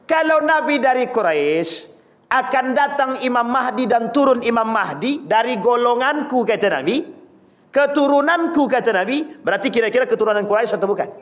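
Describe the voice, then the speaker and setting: A man with a high-pitched voice preaching before a congregation. He tells stories with animated delivery, speaks straight to his listeners and slips into the voices of the people in his tales. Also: brisk. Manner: lively storytelling, mimicking voices of people he quotes; addresses audience directly as Bapak Ibu. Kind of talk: sermon.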